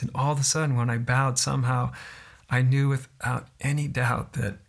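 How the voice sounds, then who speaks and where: A man recounting a personal experience in a reflective, halting, soft-spoken way, as a guest in an interview. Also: medium pitch, vocal fry, breathy edge.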